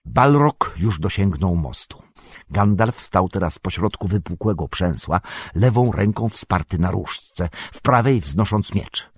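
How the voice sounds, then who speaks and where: A man reading a fantasy story aloud as narrator, in a measured, dramatic manner. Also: sits low, expressive, slightly rough, no room sound. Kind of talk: audiobook reading.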